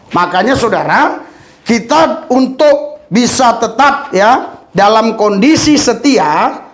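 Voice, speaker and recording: A male pastor preaching to a congregation, telling personal stories in an animated way, often laughing and calling out hallelujah. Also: high voice. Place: church service with congregation. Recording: roomy echoing hall.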